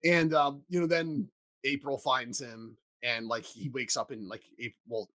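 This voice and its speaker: A man's voice: mid-range voice, steady tone, a little slow, fairly bright tone. A man hosting a podcast in casual chat, rambling with lots of fillers and restarts. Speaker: podcast host.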